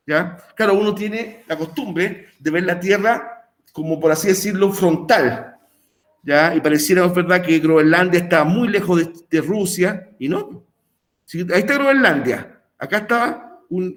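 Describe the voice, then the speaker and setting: Male teacher, high voice; chatty, filler-laden lecture delivery. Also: normal speed, a bit bright. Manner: rambling, filler-heavy, checks in with "¿verdad?" and "¿ya?". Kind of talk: recorded online class explanation.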